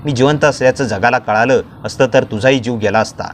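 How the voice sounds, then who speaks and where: A man voicing a cold, calm older brother. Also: medium pitch, slight background noise, close to an everyday voice. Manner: calm, measured delivery.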